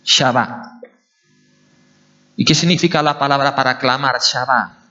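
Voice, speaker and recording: A male pastor, preaching a sermon in an animated way and asking his congregation questions. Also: medium pitch, unhurried, soft background music. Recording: dull lo-fi recording.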